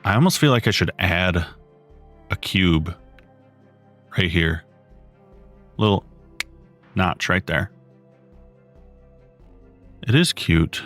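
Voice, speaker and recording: A man in his thirties chatting casually with his live chat while building, relaxed and rambling. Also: low voice, takes it slowly, pauses often. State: has the hiccups. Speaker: streamer. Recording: dry close mic, faint music behind.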